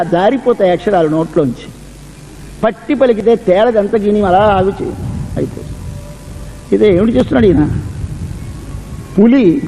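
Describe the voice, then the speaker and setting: A man's voice: high-pitched, warm tone, big-room sound, a little hiss or hum, poor audio. A man giving a devotional discourse, quoting Sanskrit verses and explaining them line by line. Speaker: religious discourse speaker.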